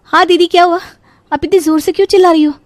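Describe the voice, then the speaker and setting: A woman's voice: very high-pitched, steady tone, fast, no room sound, voice pushed up. A woman voicing a cheerful, carefree young daughter-in-law who breezily shrugs off every scolding in a cartoon story. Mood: breezy. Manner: breezy, chirpy, brushes off scolding.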